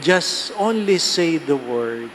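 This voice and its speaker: Filipino male priest, fairly high voice, joking sermon, chatty tag questions, faint background noise. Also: expressive, slow. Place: church during Mass.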